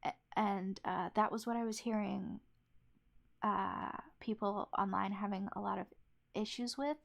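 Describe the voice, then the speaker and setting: A woman talks through her opinions in a casual, unscripted way. Her delivery is slow and halting, full of fillers and self-corrections. A marked vocal fry runs through her mid-pitched voice. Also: fairly even intonation. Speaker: anime reviewer.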